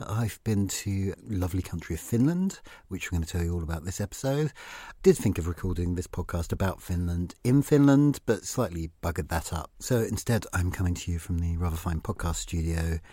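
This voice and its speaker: Male podcast host, low husky voice, wry rambling banter. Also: very animated, brisk, hardly any pauses, mellow, no echo. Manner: dry, self-deprecating, rambling. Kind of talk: casual chat. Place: small dark podcast studio.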